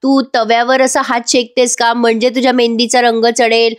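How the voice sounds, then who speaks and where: A woman's voice: a little high, little pitch movement, a little fast, lightly acted. Mischievous young woman, needling, mocking tone, read by a woman. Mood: teasing.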